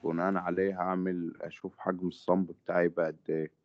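A man's voice: low-pitched, level tone, quick pace, no echo, muffled recording. A young man, a student who gives short, hesitant answers in class.

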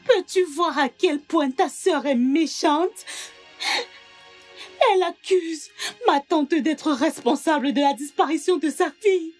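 A distraught young woman in tears, her voice very high and strained, played by an actress. Music plays softly behind. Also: slow. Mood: tearful. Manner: crying, high and upset. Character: tearful young woman defending her aunt. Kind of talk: dubbed film drama.

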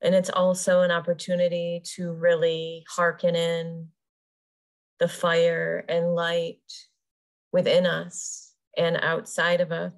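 A woman guides a yoga nidra meditation in a fairly low, monotone voice. Unhurried and soothing, she lets pauses fall between her short phrases.

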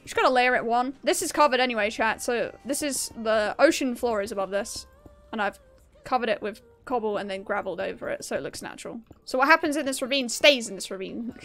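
A young woman streams a game and chats casually with her viewers, upbeat and laughing often. Her voice sits on the high side with a fairly bright tone, and she talks a little fast over soft background music.

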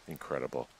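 A dry, reserved fire lookout in a video game, answering in understated lines. His voice sits very low yet swings widely in pitch. Clear noise runs underneath him. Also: heavily acted.

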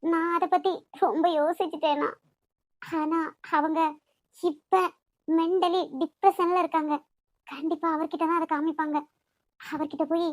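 A woman's voice: very high-pitched, dry recording. A woman voicing a worried young woman in a cartoon, with a Kanyakumari Tamil accent, pleading and stammering. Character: anxious young woman, the granddaughter-in-law. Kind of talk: cartoon voice acting.

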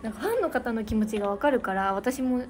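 Young idol livestreamer, woman, Niigata accent, bright higher voice, giggly chat over a noisy background. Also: fast. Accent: Niigata Japanese. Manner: chatty, giggly, thanks viewers by name. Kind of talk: casual livestream chat with fans.

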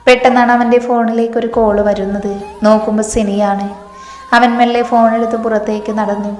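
A woman reading a romance story aloud, calm and even, voicing the quoted lines in her own voice. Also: fairly high pitch, a little fast, a little hiss or hum. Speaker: story narrator. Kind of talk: scripted narration of a romance story. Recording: roomy reverberant room with soft background music.

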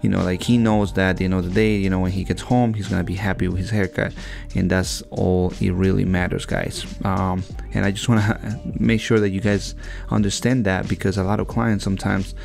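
A man's voice: low voice, flat delivery, fairly quick, gravelly, darkish tone, soft background music. A young man, a barber, talking casually over haircut footage in a rambling way with many fillers and restarts.

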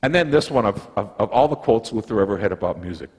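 In a church sanctuary full of long reverb, an older pastor from the United States preaches at a quick pace in a fairly low voice. His sermon centers on an object lesson, told through lively stories and folksy asides, and the audio is slightly husky.

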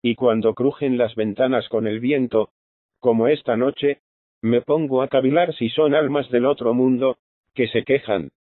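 A man reading the part of a fragile, frightened young gentlewoman who talks in an anxious, confiding way, heard through a tinny phone-like sound. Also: mid-range voice, steady tone, unhurried, no room sound, lightly acted.

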